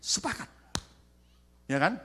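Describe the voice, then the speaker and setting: A man preaching a sermon as pastor to a church congregation, asking questions and calling for answers, swinging from loud shouted peaks to quiet asides. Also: takes it slowly. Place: large church sanctuary.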